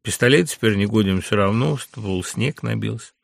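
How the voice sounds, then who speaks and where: A man voicing a calm, lightly ironic young poet. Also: lowish voice, moderate pace, vocal fry, no room sound, studio quality.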